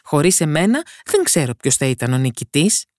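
A woman's voice: sits low, big pitch swings, darkish tone, dry recording, studio quality. A woman voicing a brave young prince in a fairy tale, speaking earnestly and confidently.

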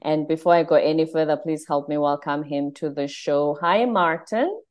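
Low-pitched woman hosting a podcast. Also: normal speed. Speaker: podcast host. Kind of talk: podcast presenting and interviewing.

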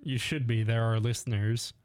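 A man's voice: mid-range voice, level tone, moderate pace, darkish tone, no echo. A man co-hosting a casual sports podcast, giving short, dry, teasing replies. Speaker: podcast co-host. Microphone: studio mic.

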